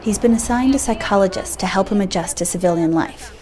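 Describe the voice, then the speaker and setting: Mellow-voiced woman radio reporter. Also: medium pitch, brisk, slight background noise. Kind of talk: scripted radio narration.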